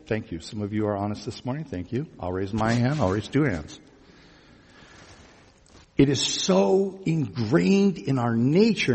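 A man's mid-range, slightly mellow voice with a breathy edge leads a conversational sermon. Acting as pastor, he teases the congregation with questions and repeats phrases back, his words echoing through a large church room with reverberant hall sound.

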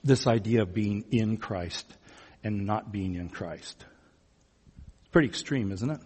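Slight background noise sits under a fairly low, darkish male voice that moves unhurriedly. He is a pastor preaching conversationally to a congregation in a large church, teasing them with questions and repeating their phrases, all in reverberant hall acoustics.

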